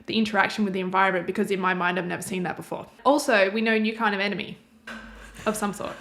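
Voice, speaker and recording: A woman's voice: medium pitch, fairly even intonation, rapid-fire, background noise. Aussie woman hosting a reaction video, rambling, thinks aloud. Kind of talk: casual commentary on a game trailer.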